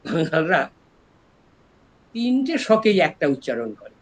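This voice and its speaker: An older man from East Bengal lectures as a professor, with an East Bengali accent. His voice sits a little high for a man and rises and falls in lively swings as he works through each point patiently. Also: rough recording. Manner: explains slowly and step by step, lively rises and drops in voice. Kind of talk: scholarly lecture on word origins.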